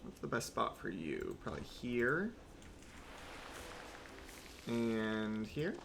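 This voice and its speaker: A young male streamer chats loosely over his game, wandering into wry, profane tangents. His voice is bright and edged with gravel, and a faint hiss sits under the desk-mic sound. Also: medium pitch, very animated, slow pace. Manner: rambling, wry, swearing asides. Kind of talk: casual gameplay commentary.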